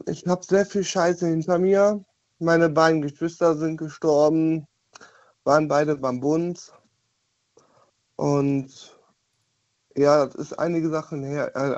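Man, caller, over the phone, blunt, swears freely, fairly high voice, muffled line. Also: a little mellow. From Düren, Germany. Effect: heard over the phone. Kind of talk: casual phone call to a radio show.

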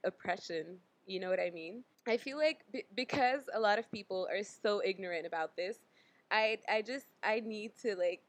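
Earnest woman podcast co-host. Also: medium pitch. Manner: earnest, explanatory. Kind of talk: casual podcast chat.

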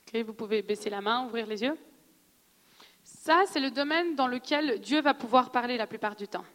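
A woman with a noticeable accent teaching a church audience on prophecy in a conversational, animated way, often laughing and asking questions. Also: fairly high pitch, normal speed. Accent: non-French accent in French. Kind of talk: sermon teaching. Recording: long hall reverb.

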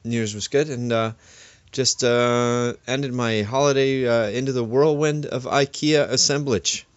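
A man's voice: medium pitch, steady tone, measured pace, dry recording. A man co-hosting a podcast in casual chat, rambling with many fillers and restarts. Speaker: podcast co-host. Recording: dull, slightly lo-fi dry recording.

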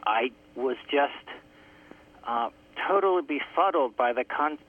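Man, guest author, crackly tinny phone line, fading in and out, mid-pitched, reflective slow storyteller. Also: animated. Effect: crackly phone line that fades in and out. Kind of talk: phone-in radio interview. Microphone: telephone.

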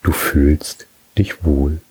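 Man, guided relaxation, very slow, soothing, long pauses, husky. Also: rumbling low, a little mellow. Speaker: meditation guide.

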